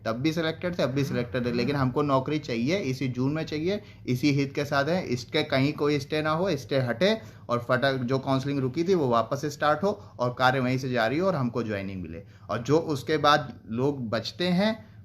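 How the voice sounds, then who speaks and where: A man's voice: medium pitch, a bit bright, a little hiss or hum. A young man organizing a teachers' group, talking on a live stream, earnest and appealing, growing heated and insistent as he answers viewers.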